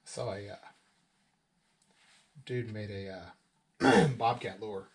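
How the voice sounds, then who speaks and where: A man's voice: lowish voice, steady tone, slow pace, breathy edge, no room sound. A man with an Upper Midwest accent rambling in a folksy, self-deprecating way while vlogging outdoors in snowy woods. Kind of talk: casual outdoor vlog.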